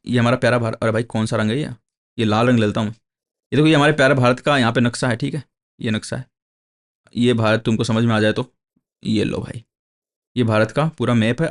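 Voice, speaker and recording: A male teacher giving an exam coaching lecture, explaining step by step, repeating key terms and answering his own questions. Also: medium pitch. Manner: slow, deliberate when reading English textbook lines aloud.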